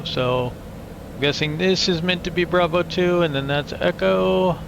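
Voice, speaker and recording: Slow, gravelly man narrating a flight simulator. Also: a little high. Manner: muttering to himself in clipped phrases. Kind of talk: casual running commentary on cockpit checklist. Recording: steady aircraft hum behind voice.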